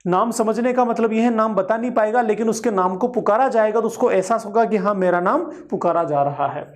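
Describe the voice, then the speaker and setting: A man's voice: high voice, a little fast. Man giving a Hindi exam-prep lecture. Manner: explanatory, repeats key points with examples. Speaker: teacher.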